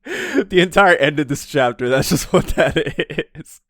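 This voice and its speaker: A man co-hosting a podcast in casual chat, excitable, laughing often and swearing freely. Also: fairly high pitch, measured pace, dry recording, studio quality. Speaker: podcast co-host.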